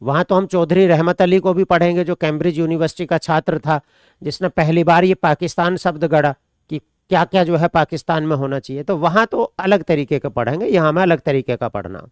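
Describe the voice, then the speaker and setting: A man's voice: fairly high pitch, fairly quick, smooth, no echo, clean studio sound. A man from India, teaching an online exam-prep class. He repeats points, dictates notes and answers students' questions.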